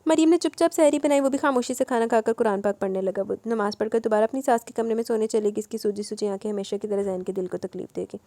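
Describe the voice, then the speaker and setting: Woman reading a love story aloud, mellow soft tone, feeling in her voice. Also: a little high, hardly any pauses, dry recording. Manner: emotive storytelling. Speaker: novel reader. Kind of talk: scripted novel narration.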